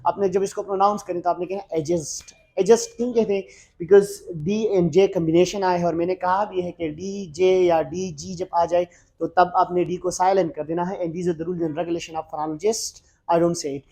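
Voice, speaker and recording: A man teaching an English grammar lesson in mixed Hindi and English, explaining slowly and repeating his points with frequent fillers. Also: sits high, level tone, a little mellow.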